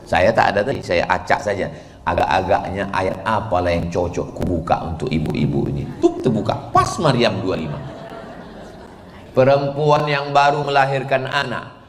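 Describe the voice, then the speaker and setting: A man preaching a lively sermon, joking with the audience and chanting verses. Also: lowish voice. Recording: echoey hall, faint background noise.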